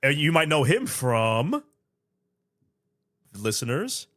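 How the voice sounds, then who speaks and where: A man's voice: on the high side, big pitch swings, takes it slowly, a bit bright. A man co-hosting casual film banter, playful, with short interjections and quips. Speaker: film podcast co-host.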